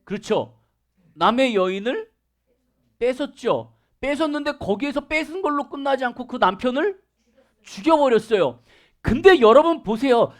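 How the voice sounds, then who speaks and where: A man's voice: extremely high pitch, lively intonation, normal speed. A man pastor preaching a sermon at a church worship service, asking the congregation questions and acting out dialogue.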